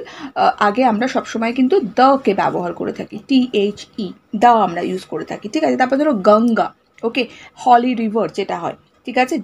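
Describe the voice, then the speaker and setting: Bengali-accented lady teacher, middle-aged, a bit high voice, spells words out slow and keeps asking okay?. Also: darkish tone, breathy edge. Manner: explains slowly, spells words letter by letter, checks with "okay?". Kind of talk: classroom grammar lesson.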